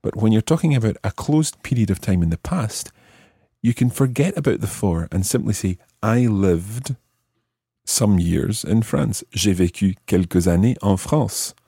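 Low, clear and mellow, a man's voice leads a deliberate language lesson, switching between explanations and French examples. He sounds expressive, and the recording is dry and close.

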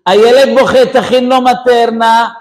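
A man voicing an exhausted, short-tempered young mother who shouts commands at her husband. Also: steady tone. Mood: shrill nagging. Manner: shrill, nagging, shouting commands.

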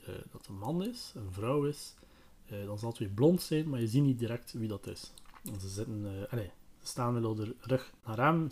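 Man, podcast host, casual book retelling, hesitant, lots of fillers, mid-pitched voice. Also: a little mellow. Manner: hesitant, many fillers, chatty.

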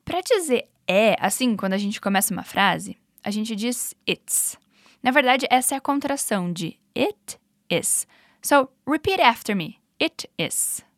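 A woman with a Brazilian Portuguese accent, an upbeat, encouraging English teacher running clear repetition drills. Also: on the high side, lively intonation, a little slow, no room sound, studio quality. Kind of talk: language lesson with repetition drills.

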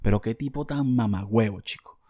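A man with a Venezuelan accent hosting a podcast, telling a comic story in an animated, slangy, self-mocking way. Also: on the low side, a little fast, no room sound, clean studio sound. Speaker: podcast host.

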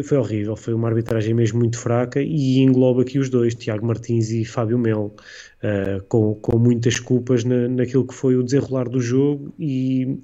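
A man with a European Portuguese accent joins a football podcast chat through a muffled, lo-fi connection. His voice is very dark and mellow, and he speaks haltingly, filling his pauses. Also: mid-range voice. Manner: hesitant, halting with fillers. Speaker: co-host of a football club podcast. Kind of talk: casual football analysis chat.

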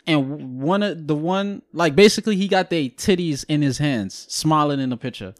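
A man's voice: a little high, animated, normal speed, no echo, clean studio sound. A man from Guyana in casual podcast chat, blunt, opinionated and slangy.

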